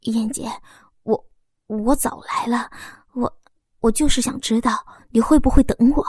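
A woman's voice: a little high, steady tone, a little slow, darkish tone, husky, no room sound, studio quality. A woman voicing an earnest, lovestruck young man who stammers urgently in an audiobook. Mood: shy. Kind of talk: audiobook character voice.

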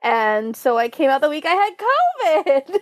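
A woman's voice: sits high, no room sound, clean studio sound. A woman co-hosting a podcast in casual chat, congested, chatty and laughing often between her filler words. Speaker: podcast co-host.

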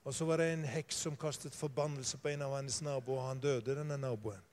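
An older man preaching a sermon, telling stories and swinging from quiet asides to loud, fervent emphasis. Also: medium pitch, steady tone.

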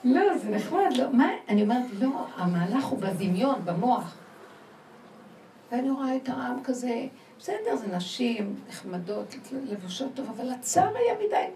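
Woman religious teacher, emphatic and laughing, higher mellow voice, heard from a distance in a roomy space. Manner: animated, laughing, emphatic, asks the audience questions. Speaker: spiritual teacher. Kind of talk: religious lecture to a women's group. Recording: roomy sound from far off, faint noise.

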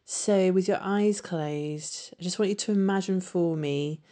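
A woman leading a guided meditation with soothing, unhurried instruction. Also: on the low side, mellow.

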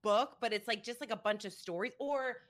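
A woman's voice: fairly high pitch, fairly quick, a bit bright. A woman hosting a casual podcast, talking effusively and laughing often. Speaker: podcast host.

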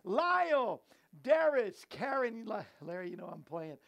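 A man's voice: high voice, very animated, unhurried, gravelly, fairly bright tone. A man hosting a show in an easygoing, playful way, chatting and joking with his crew and viewers. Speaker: host. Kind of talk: casual chat.

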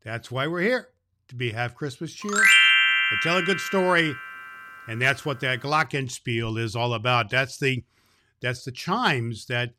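A man playing Santa Claus as a jolly, grandfatherly old man, talking kindly and haltingly to children as host of a Christmas story show. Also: mid-range voice, sharp tone. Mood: gentle, explaining. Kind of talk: unscripted, folksy address to child listeners.

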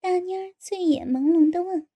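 A woman narrating an audiobook in a steady storytelling delivery. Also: extremely high pitch, normal speed.

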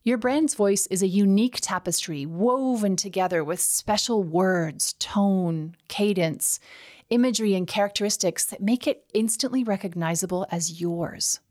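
Hosting her scripted solo podcast, this middle-aged woman speaks with enthusiasm and emphasis, drawing out key words. She has a slight Canadian accent and a mid-range voice with a darkish tone.

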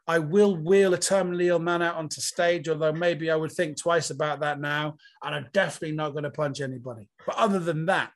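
Speaking fairly quickly with hardly any pauses, a male comedian guest rambles through reflective stories during a casual interview chat. His voice is on the high side, with fairly even intonation.

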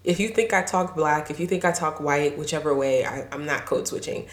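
A young woman co-hosting a podcast in casual, relaxed chat, laughing often. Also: deep voice, a little fast, echoey room. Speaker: podcast co-host.

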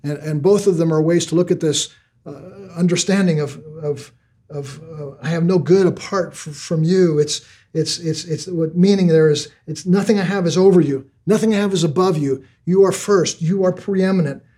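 A man's voice: a little high, normal speed, mellow, breathy edge. An older man preaching a sermon, earnest, often repeating words as he builds each point. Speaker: pastor.

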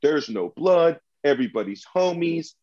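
A man's voice: fairly high pitch, expressive, moderate pace, a little mellow, dull audio. Heated, profane man arguing movies. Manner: combative, profane, repeats himself when heated. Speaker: debater arguing a movie case. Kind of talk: heated mock-trial banter.

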